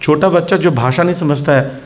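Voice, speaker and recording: A man giving a devotional lecture as a spiritual teacher. He explains patiently, often checks in with his listeners, and acts out scolding and gentle voices in his examples. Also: fairly high pitch, brisk.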